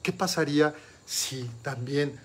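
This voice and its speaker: A man giving a motivational talk as a life coach. He puts questions straight to the listener and slows down to stress each word in his lists. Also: on the high side, husky. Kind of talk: motivational talk with a told story.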